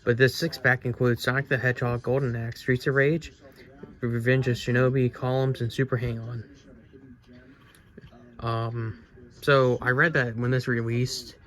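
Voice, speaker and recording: A man's voice: mid-range voice, a bit bright. A man hosting a casual video about retro games he has bought, who rambles, stumbles over his words and restarts sentences, and sounds stuffy from allergies. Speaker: game collecting channel host. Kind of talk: casual haul video, reading game back covers aloud.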